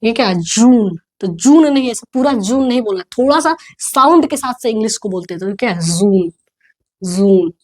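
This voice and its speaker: A woman from India teaching an English pronunciation lesson, repeating each word slowly and coaxing the class to say it back. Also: a little high, lively intonation.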